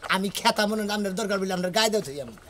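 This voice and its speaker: A performer playing a sly village friend with a rural Bangladeshi Bengali accent, smoothly reassuring the husband in a comedy skit. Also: mid-range voice, animated, rapid-fire, heavy background noise, close to an everyday voice. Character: sly village friend who steals the quilt.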